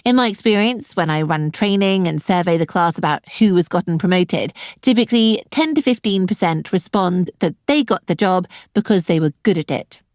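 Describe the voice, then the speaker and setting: A woman's voice: fairly low pitch, animated, normal speed, hardly any pauses, a little mellow, dry recording. A middle-aged woman hosting an online career webinar, talking directly to her viewers with a dry, sarcastic edge. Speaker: webinar host and career coach.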